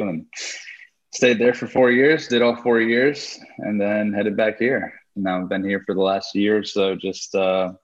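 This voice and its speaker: Easygoing young man, low dull voice. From Costa Rica. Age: 20s. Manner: relaxed, laughs easily, plain storytelling. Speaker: guest golfer. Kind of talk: casual podcast interview. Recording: dull lo-fi podcast audio.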